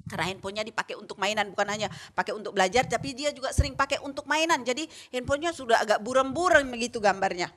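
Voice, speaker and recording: Woman, Sunday school teacher, children's Bible lesson, lively, asks questions, high pitched. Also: rapid-fire, hardly any pauses.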